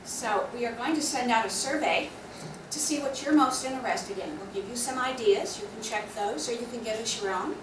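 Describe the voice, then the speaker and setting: A woman officer speaking at normal speed in a voice on the high side lays out the guild's upcoming classes in a practical, explanatory way. These club meeting announcements were recorded in an echoey meeting room from a distant mic, with background noise.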